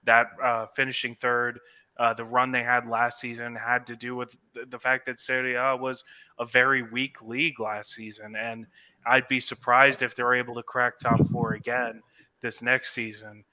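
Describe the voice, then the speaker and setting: A man's voice: mid-range voice, flat delivery, normal speed, pushed and bright. A man co-hosting a podcast, giving thoughtful, analytical takes in casual football chat. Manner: thoughtful, analytical, lots of restarts. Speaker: podcast co-host.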